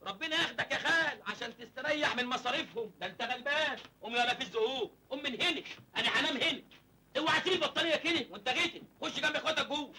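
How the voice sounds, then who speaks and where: A man's voice: extremely high pitch, animated, rapid-fire, bright, forceful tone, a little hiss or hum, heavily acted. An actor playing a cheeky, wheedling orphaned young village man in an Egyptian comedy film, with an Egyptian accent. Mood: teasing. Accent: Egyptian Arabic.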